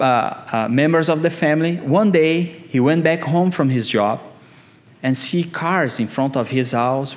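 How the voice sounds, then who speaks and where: Slow-preaching man. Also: a little high. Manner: slow, emphatic preaching, rising on key words. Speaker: pastor. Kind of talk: sermon.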